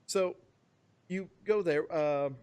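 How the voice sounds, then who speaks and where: A man's voice: a little high, takes it slowly, a little mellow, smooth. Laid-back male game master. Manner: loose, chuckling, with many fillers. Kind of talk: narrating a tabletop game.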